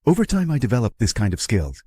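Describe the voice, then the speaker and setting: A man voicing a cold, calculating young male warrior hero who speaks in a cool, matter-of-fact way, with a slightly husky tone. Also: medium pitch, huge pitch swings, quick pace, mellow, no echo.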